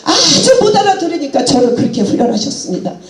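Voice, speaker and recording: A woman's voice: sits high, big pitch swings, quick pace, reverberant. A woman preaching a sermon with passion, laughing and exclaiming as she goes, mixing English phrases into her talk.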